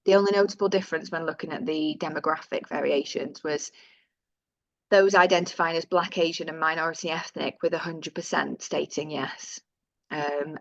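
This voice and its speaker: A woman's voice: low-pitched, creaky, dry recording, highs cut off. A woman with a Northern English accent presenting survey findings in a webinar, reading out figures with fillers and self-corrections.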